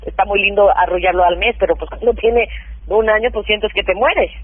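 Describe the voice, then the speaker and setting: A woman parenting expert giving practical advice in an animated, hands-on way during a radio interview, heard over a phone line. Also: mid-range voice, a little fast, no echo. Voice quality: practical, animated, acts out what mothers say.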